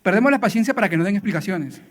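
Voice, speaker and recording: A man with a high-pitched voice preaches to families at church, chatty and direct, peppering his talk with quick tag questions. He acts out little scenes between parents and children. A long reverb trails behind his words in the hall. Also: expressive. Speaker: church speaker. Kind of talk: sermon.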